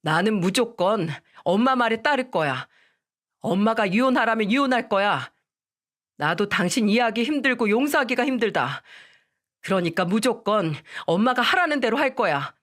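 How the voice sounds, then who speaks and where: A woman's voice: fairly high pitch, expressive, moderate pace, fairly bright tone. A cold young husband turns his wife down in clipped, firm words in a spoken radio story, as a woman plays him. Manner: curt, firm.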